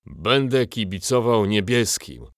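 A man's voice: fairly low pitch, big pitch swings, takes it slowly, no room sound, studio quality, pitched above the performer's own voice, exaggerated voice. A man doing a smug, two-faced schemer. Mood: smug sly. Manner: smug, hypocritical. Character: deceitful adult man, smug liar.

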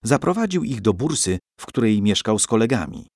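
Mężczyzna czytający opowieść, barwnie i ekspresyjnie. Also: male voice, lowish voice, brisk, no echo, studio quality. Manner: lively, expressive storytelling. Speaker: audiobook narrator. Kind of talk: scripted story narration.

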